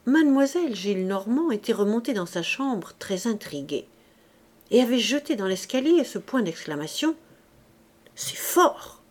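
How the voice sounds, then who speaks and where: A woman reading a classic novel aloud as an audiobook, in a measured, expressive style. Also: fairly high pitch. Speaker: audiobook reader. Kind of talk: literary audiobook narration.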